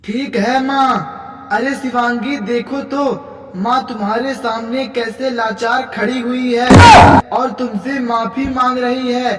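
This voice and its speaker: A woman's voice: on the high side, fairly even intonation, takes it slowly, background noise. A woman voicing an exasperated young husband who pleads with his quarreling wife and mother in a comic cartoon. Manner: pleading, fed-up. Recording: roomy, distant, with reverb over loud music.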